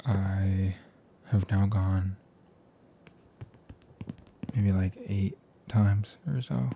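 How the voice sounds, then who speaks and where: Young adult American male for casual ASMR chat: hushed, soft-spoken, often whispering, with gravelly fry, over noticeable background noise. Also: sits low, fairly even intonation, drawn-out words. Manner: laid-back, slangy, meandering. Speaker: ASMR video host.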